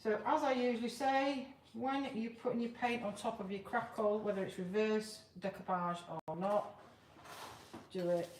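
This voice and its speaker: A woman in her fifties hosting a live craft tutorial in a plain-spoken, chatty, informal way. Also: medium pitch. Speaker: craft demonstrator, live show host. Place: large open workshop, indoors. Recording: roomy, noisy workshop, far from mic.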